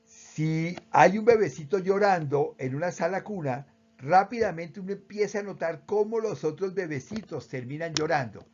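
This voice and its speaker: A man with a Colombian accent, calmly explaining how emotions work with everyday examples. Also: sits high, normal speed, muffled recording, a little hiss or hum. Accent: Colombian Spanish. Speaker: speaker on emotional education. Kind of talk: explanatory talk.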